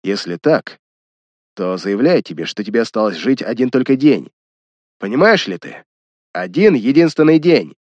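A man's voice: mid-range voice, sing-song, normal speed, darkish tone, dry recording, lo-fi sound, lightly acted. A man voicing a cruel, mocking young man who threatens his sister. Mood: threatening. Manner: sneering, menacing.

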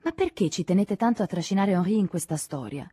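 A woman's voice: medium pitch, animated, fast, mellow, husky, no echo, studio quality, pitched above the performer's own voice. A woman voicing a curt, irritated woman who protects her partner in an audiobook reading.

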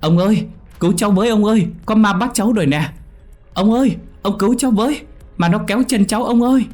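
A man voicing a cheeky young grandson who scares easily, often shouting in panic, in a spoken ghost story. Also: lowish voice, animated, a little fast, husky, faint music behind. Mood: panicked shouting.

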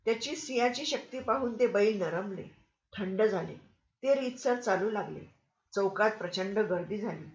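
A woman's voice: mid-range voice, moderate pace. Woman narrating a storybook, roomy sound. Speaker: audiobook reader. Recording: roomy, slightly dull recording.

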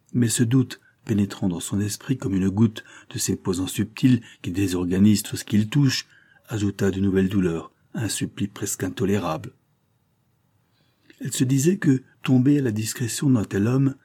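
A man reading a classic novel aloud as an audiobook narrator, measured and expressive. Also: lowish voice, husky. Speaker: audiobook reader.

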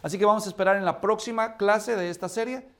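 Man, high voice, Bible class lecture, asks the room questions, checks in often. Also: fairly even intonation, fast, fairly bright tone. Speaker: Bible teacher. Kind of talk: church history class lecture.

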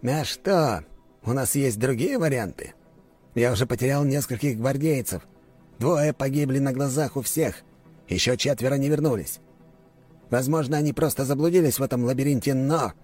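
A scheming duke with a cold, commanding manner, as a male narrator puts him on. He speaks in a voice raised well above the reader's deep narration, a little husky. Soft music plays underneath. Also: normal speed, lightly acted. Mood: impatient. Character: scheming, ruthless middle-aged male duke. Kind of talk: audiobook character voice.

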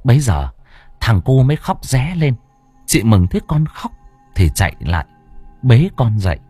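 Expressive male storyteller with a husky voice. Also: mid-range voice, moderate pace, no room sound, faint music behind. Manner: expressive, dramatic. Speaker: audiobook narrator. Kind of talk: dramatic storytelling.

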